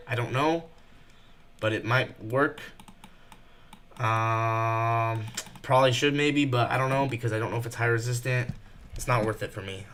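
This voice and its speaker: A nervous young man giving fast live commentary while trading, thinking out loud and rushing his words. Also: medium pitch. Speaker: day trader streaming live.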